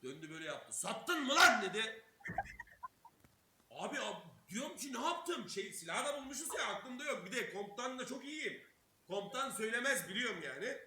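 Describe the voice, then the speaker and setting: Bright, high-voiced young man telling a story. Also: sing-song, fast talker. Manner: swears constantly, acts out quotes, laughs while telling. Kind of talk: casual storytelling. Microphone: streaming mic. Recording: echoey room with faint hiss.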